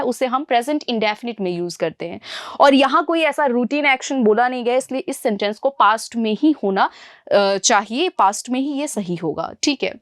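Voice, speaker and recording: A young woman runs an exam-prep grammar class in a fairly high voice. She calls her students "beta" and "guys" and answers her own questions. The sound is dry and close, with no room echo. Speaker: English teacher.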